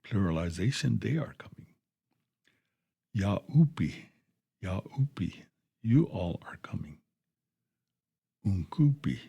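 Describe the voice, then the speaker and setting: A man teaching a language lesson on the radio, repeating each phrase twice in a slow, patient drill, with a dry folksy humor. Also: fairly low pitch, gravelly, warm tone, slightly rough, muffled recording.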